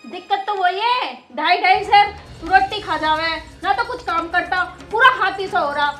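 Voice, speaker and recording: A woman's voice: extremely high pitch, moderate pace, a bit bright, soft background music. A woman playing a resentful young daughter-in-law who complains sharply. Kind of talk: rural film drama acting.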